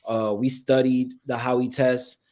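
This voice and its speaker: A man's voice: mid-range voice, flat delivery, darkish tone. Man heard over a choppy video call. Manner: halting, restarts phrases with many fillers. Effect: video call audio with dropouts. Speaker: guest, founder of a collectibles project. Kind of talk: casual interview answers.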